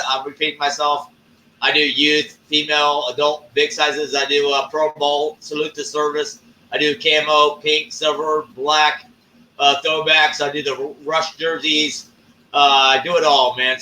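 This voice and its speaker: A man hosting a live stream, talking casually and ranting with lots of swearing and drawn-out fillers. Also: fairly high pitch, sharp tone, distant mic, a little hiss or hum. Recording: echoey room, off-mic.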